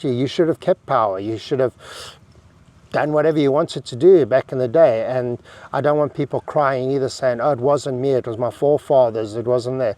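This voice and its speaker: A man's voice: medium pitch, darkish tone. A South African man in his fifties with a South African English accent, giving a blunt, rambling opinion piece to camera. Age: 50s. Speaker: vlogger.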